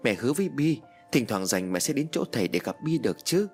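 A man voicing a young mother gently apologizing to her ghost child in a spoken ghost story. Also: medium pitch, sing-song, quick pace, faint music behind, lightly acted. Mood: tender.

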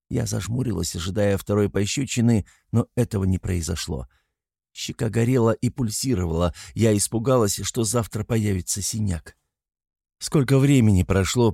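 Low, gravelly male narrator. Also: mellow, no room sound, studio quality. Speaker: audiobook narrator. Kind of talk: storybook narration.

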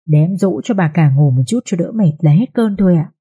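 A woman's voice: lowish voice, expressive, brisk, warm tone, slightly rough, dull audio, heavily acted. A woman voicing a loyal nanny who speaks humbly and soothingly to her mistress. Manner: soothing, deferential.

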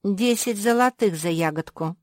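A woman voicing a spoiled, rich young labrador girl who whines and demands loudly. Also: medium pitch, moderate pace, dry recording, studio quality, voice pushed up, natural voice. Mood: bossy. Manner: whiny, demanding, loud.

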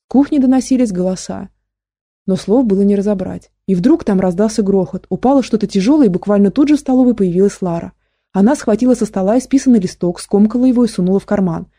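A woman narrating an audiobook in a steady storytelling manner. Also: mid-range voice, fast talker, no echo, studio quality. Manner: steady storytelling, voices characters.

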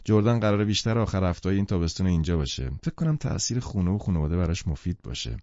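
A man's voice: low-pitched, expressive, warm tone, dry recording, lo-fi sound. A man narrating an audiobook who voices a playful, insistent young woman, a wealthy socialite. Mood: teasing.

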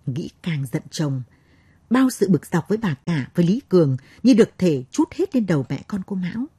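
Husky woman narrating a novel. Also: fairly low pitch, sing-song, normal speed, warm tone, dry recording. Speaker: audiobook narrator.

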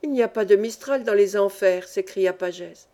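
A woman voicing a superstitious male miner in a storybook reading, slow and heavy. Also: medium pitch, dark tone, natural voice. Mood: grim.

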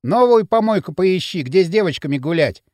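Кастинг: мужчина в роли самодовольного подросткового вожака, глумливый тон, сухая запись. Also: male voice, high-pitched, lively intonation, a little fast, a little mellow, no echo, studio quality. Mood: sneering. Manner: drawling, sneering. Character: mocking teenage gang leader, smug.

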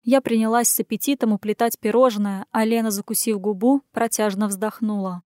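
A woman narrating a first-person audiobook in an even, clear storytelling voice. Her voice is mid-pitched, and the recording is close and dry, with no room echo. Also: fairly quick. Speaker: audiobook reader.

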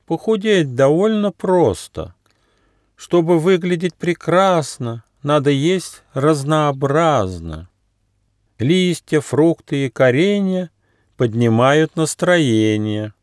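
A man voicing a chubby, gentle, timid male koala cub in a storybook, drawn out and sing-song. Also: medium pitch, dry recording, clean studio sound, voice pushed up, close to an everyday voice.

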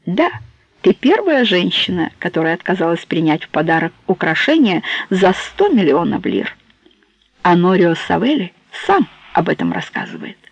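A gentle young man, as a woman reads him. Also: on the low side, huge pitch swings, normal speed, vocal fry, slightly rough, no echo, heavily acted. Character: calm, tender young Italian man, a lecturer. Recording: dull, dry close recording.

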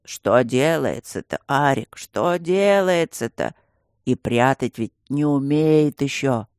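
A reader voicing an old, grumpy stone guardian who mumbles and grumbles loudly. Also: medium pitch, expressive, takes it slowly, smooth, no room sound, studio quality. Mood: fretful. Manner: mumbling, toothless, loud grumbling.

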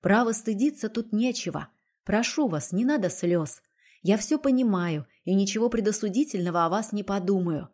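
A woman reading the part of a composed gentleman who speaks softly and coolly. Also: mid-range voice, animated, close to an everyday voice. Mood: cool calm. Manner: soft, cool and measured.

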